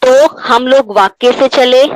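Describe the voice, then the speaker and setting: A woman's voice: high voice, fairly even intonation, slow, dry recording, low-quality recording. A woman teaching a Hindi grammar class online, explaining step by step and asking her students questions, slipping English words into her speech.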